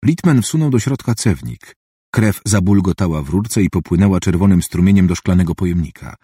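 A man reading a novel aloud as an audiobook, in an even, measured narration. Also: low-pitched, breathy edge, dry recording, clean studio sound.

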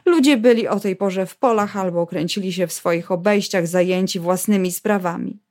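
A woman reading a novel aloud in a steady, measured storytelling voice. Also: fairly low pitch. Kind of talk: audiobook narration.

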